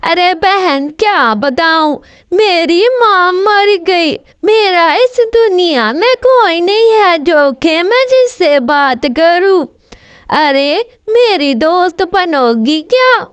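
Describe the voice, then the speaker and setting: A woman's voice: sits high, sing-song, slow, no room sound, dull audio, exaggerated voice. A woman voicing a scheming, hungry female kite who pretends to be friendly, with whiny sobbing pleas and sly muttering. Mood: fake crying. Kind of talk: storybook cartoon voice acting.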